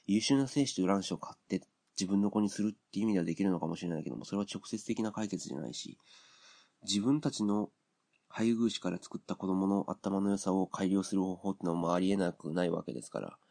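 A man talks alone into his podcast mic, airing blunt opinions in an unhurried, filler-laden way. His voice sits low and carries a gravelly fry. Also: mellow. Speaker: podcast host. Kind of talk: casual solo podcast monologue.

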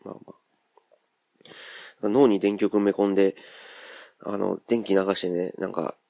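Gravelly low-voiced Kansai man musing. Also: steady tone, measured pace, warm tone, no echo. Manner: rambling and musing, thinks aloud with many fillers. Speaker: podcast host. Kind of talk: casual solo monologue.

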